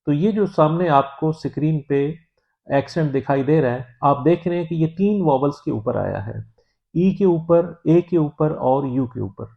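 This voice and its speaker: A man from Pakistan giving a language lesson, explaining in a measured, patient way with frequent hesitant pauses. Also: fairly high pitch, expressive, gravelly. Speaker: French teacher. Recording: dull lo-fi recording.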